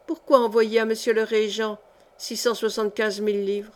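A woman's voice: medium pitch, little pitch movement, moderate pace, darkish tone, natural voice. A woman voicing a vain, sceptical old male royal steward in an audiobook. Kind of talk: audiobook character reading.

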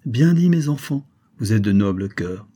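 Guy reading old general voice, solemn and firm, kinda husky and dark, audiobook style. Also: fairly low pitch, lively intonation, moderate pace. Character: elderly male general, solemn, kindly patriarch.

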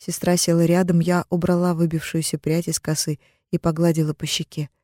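A woman narrating a first-person story as an audiobook, in a calm, even storytelling manner. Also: fairly low pitch, a little fast, no room sound, studio quality.

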